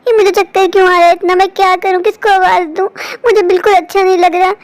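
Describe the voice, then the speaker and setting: A woman's voice: very high voice, little pitch movement, quick pace. A woman voicing a meek, dutiful young wife in a cartoon story, pleading and submissive. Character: meek young daughter-in-law, weary and dutiful.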